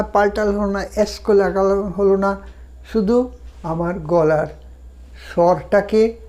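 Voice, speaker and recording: A man with a Bengali accent teaches a language lesson in a mellow, warm-toned voice. He explains patiently, repeating example sentences and slowing down to model them. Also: sits high, vocal fry.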